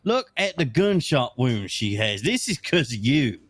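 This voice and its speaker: A man's voice: mid-range voice, very animated, unhurried, a bit bright, breathy edge, no echo, faint music behind. A man playing a police superior in a roleplay, stern and scolding, swearing casually. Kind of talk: in-character roleplay banter.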